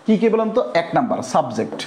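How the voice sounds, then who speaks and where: High-voiced teacher in an echoey room. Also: male voice, big pitch swings, very fast, noisy background. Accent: Bangladeshi Bengali. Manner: repetitive, quizzing students with rhetorical questions; spells words out letter by letter. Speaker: English grammar teacher. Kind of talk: classroom lecture.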